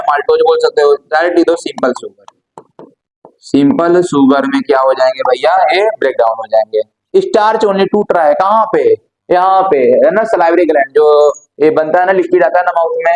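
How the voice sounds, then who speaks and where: A man's voice: on the high side, poor audio. A male biology teacher, lecturing casually, firing questions at the class and answering them himself. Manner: asks questions and answers them himself, calls students brother.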